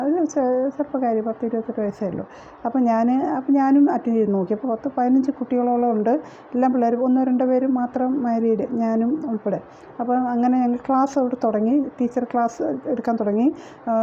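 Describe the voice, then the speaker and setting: Mellow-voiced woman with lo-fi sound. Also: on the high side. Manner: rambling, many fillers and restarts. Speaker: teacher sharing her experience. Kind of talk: casual personal testimony. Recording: dull lo-fi recording with faint noise.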